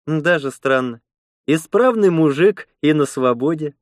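Male reader as outspoken young woman colonist; raised pitch, teasing, dry close sound. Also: lively intonation, a little slow, dry recording. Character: blunt, frank young woman space colonist. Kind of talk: audiobook character voice.

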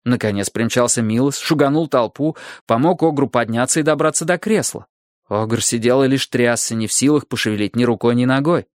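Male audiobook narrator, steady and expressive, mid pitch, dry close recording. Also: a little fast, dry recording. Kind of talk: scripted narration.

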